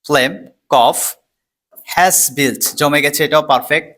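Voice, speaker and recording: A man's voice: a little high, measured pace, fairly bright tone. A man giving a step-by-step English vocabulary lesson, repeating words and asking himself questions as he explains. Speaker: English teacher.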